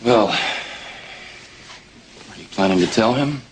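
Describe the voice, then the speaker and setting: Deep-voiced sarcastic young man. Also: lively intonation, slight background noise, poor audio. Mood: wry, concerned. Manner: dry, sarcastic, halting with fillers. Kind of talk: 1980s television soap opera acting.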